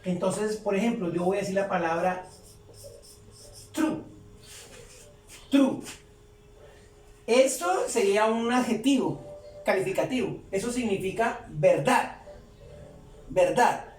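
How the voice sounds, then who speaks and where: A woman teaching a lesson, explaining step by step and repeating each example slowly and deliberately. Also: medium pitch, lively intonation, a little mellow, faint music behind. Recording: roomy echo, distant from the mic, faint background hum.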